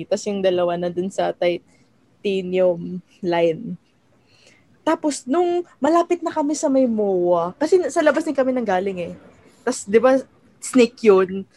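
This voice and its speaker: Filipina, relaxed and mellow, animated storyteller in a casual podcast chat, dry mic. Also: female voice, medium pitch, dry recording. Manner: animated storytelling, quick restarts.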